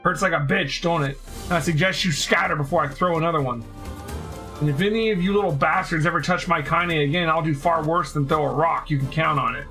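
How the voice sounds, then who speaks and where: A man reading aloud and voicing a tough, foul-mouthed old grandmother who speaks gruffly and bluntly. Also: a little high, steady tone, normal speed, fairly bright tone, faint music behind, lightly acted.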